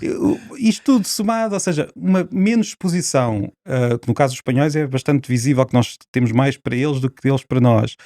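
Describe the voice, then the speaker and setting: Dark-voiced Portuguese man explaining. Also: mid-range voice, fairly quick, hardly any pauses, no room sound, studio quality. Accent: European Portuguese. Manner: explains at length with many fillers and restarts. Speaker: linguist guest. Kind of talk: explanatory podcast interview.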